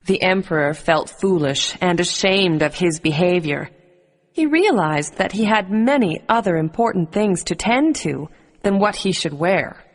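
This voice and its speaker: Lower-pitched woman narrating a children's bedtime story. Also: expressive, unhurried.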